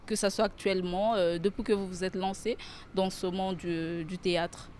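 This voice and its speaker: A woman hosting a cultural magazine show, asking measured questions and reading announcements. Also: medium pitch, flat delivery, a little mellow, a little hiss or hum.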